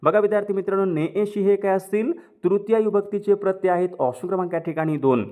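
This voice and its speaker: A man's voice: sits high, fast, mellow. A man teaching, going through exam questions and answering each one himself. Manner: asks questions then answers them, repeats key words.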